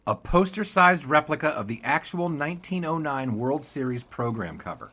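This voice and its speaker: A man's voice: a little high, very animated, normal speed, sharp tone, heavily acted. A man playing a suave 1920s sportswriter. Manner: suave, salesy period charm. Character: smooth-talking male 1920s sportswriter. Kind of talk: 1940s radio acting.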